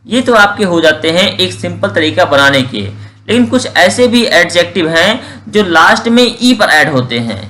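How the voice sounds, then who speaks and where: Bright-voiced man teaching grammar. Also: high-pitched, very animated, a little hiss or hum. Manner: drills word forms slowly, asks and answers own questions. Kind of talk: grammar lesson.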